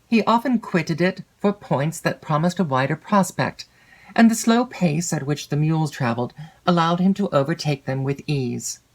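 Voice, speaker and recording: Reading a classic novel as an audiobook, a low-pitched female narrator takes her time and gives the text expression, dwelling on its descriptive passages. The audio quality is poor.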